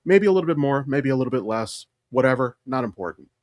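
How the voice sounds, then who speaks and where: Here a fast-talking, expressive man with a medium pitch trades casual film talk as a podcast co-host, swearing freely and never holding back his opinions. There's no room sound, and the studio audio is clean.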